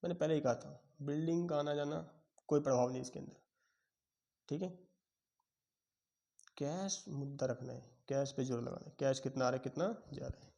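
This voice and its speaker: A man's voice: mid-range voice, normal speed, gravelly, long pauses, mellow. A young man teaching a commerce lecture, quizzing students and acting out their answers in Hinglish. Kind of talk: classroom lecture.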